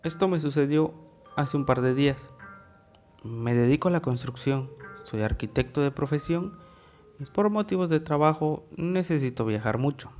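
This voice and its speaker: A man narrating a first-person horror story in a measured, deliberate way with dramatic pauses. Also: on the high side, darkish tone, faint music behind.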